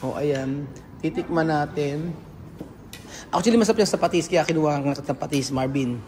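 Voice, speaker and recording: Filipino guy food vlogging at a restaurant table, kinda high voice, lots of laughing, echoey noisy place. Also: moderate pace. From Philippines. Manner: mixes Tagalog and English, laughs a lot while tasting. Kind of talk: casual food vlog chat. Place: restaurant at a shared meal.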